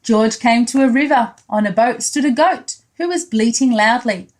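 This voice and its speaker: A woman's voice: a little high, normal speed. A woman pre-school storyteller reading a picture book aloud, adding simple explanatory asides for young children.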